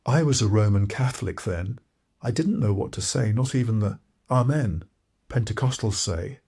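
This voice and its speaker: A man's voice: lowish voice, moderate pace, warm tone, husky. A man from Malawi, narrating his own audiobook in a reflective, earnest storytelling way. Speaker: author and narrator.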